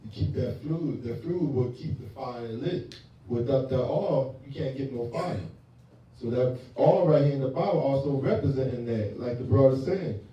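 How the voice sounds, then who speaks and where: A man's voice: mid-range voice, normal speed. A man from the class speaking up casually with plain everyday phrasing. He sounds far off and dull, with a strong echo. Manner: casual, informal speech. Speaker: class member. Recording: dull, echoey, far from the mic.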